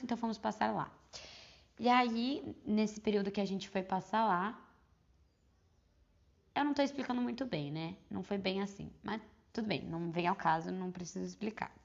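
A woman's voice: medium pitch, vocal fry, highs cut off. A young woman from Brazil hosting a personal podcast, telling her story in a rambling, heartfelt way and correcting herself as she goes. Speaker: podcast host.

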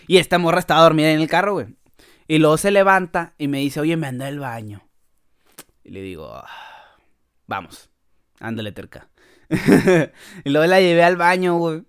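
A man with a Mexican accent and a voice pitched a little above most men's. He tells a comic podcast story in a loose, casual way, packed with crude slang and punctuated by laughter. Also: lively intonation, moderate pace, clean tone. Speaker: podcast host.

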